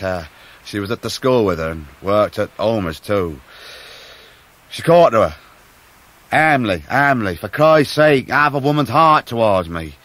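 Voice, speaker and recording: In a 1990s radio drama, a man plays a humble, tender-hearted young working-class fisherman. He speaks in a halting, deferential, earnest way, with a fairly low but slightly bright voice.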